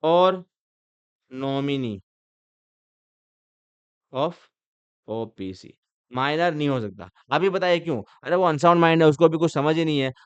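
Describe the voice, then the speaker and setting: Male law lecturer, fairly high, smooth voice, playful and teasing, dry close recording. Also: no room sound, muffled recording. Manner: teasing, asks the class rhetorical questions. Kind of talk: joking classroom lecture.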